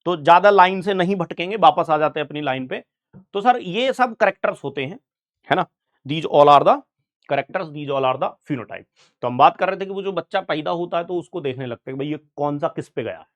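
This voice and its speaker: A man's voice: on the high side, expressive, moderate pace. Chatty male biology teacher. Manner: chatty, keeps asking "right, sir?" to students. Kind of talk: online exam-prep lecture.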